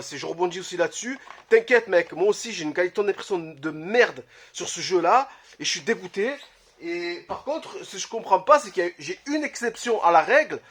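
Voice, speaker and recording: A man, casually talking to camera about his collection, blunt and quick to swear, with lots of "euh" fillers. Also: high-pitched. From Marseille, France. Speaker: retro game collector vlogger. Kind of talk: casual vlog talk to camera. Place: his home, early morning.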